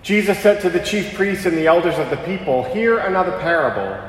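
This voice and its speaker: A man serving as priest, reading the Gospel and preaching a homily in a measured, phrase-by-phrase delivery, with cathedral echo. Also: high voice, expressive. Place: large church. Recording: long church reverb.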